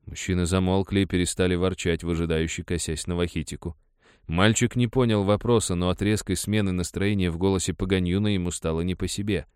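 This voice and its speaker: Man, low voice, audiobook narration, measured, dry close sound. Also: steady tone, darkish tone, clean tone, no room sound.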